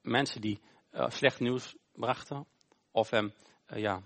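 A male pastor gives an informal sermon during a church service. He tells a Bible story conversationally, often pausing on "eh". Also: mid-range voice, steady tone, vocal fry. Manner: informal, storytelling, with frequent hesitations.

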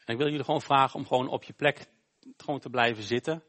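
A man preaches a sermon during a church service. He retells a Bible story plainly and informally, stopping to search for words. His voice sits at a middling pitch. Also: steady tone, fast talker, fairly bright tone. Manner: informal, storytelling, with frequent hesitations. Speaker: pastor.

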